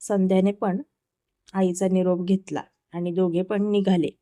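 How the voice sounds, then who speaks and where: Mellow woman reading a love story. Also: on the low side, little pitch movement, measured pace. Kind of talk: reading a romance story aloud.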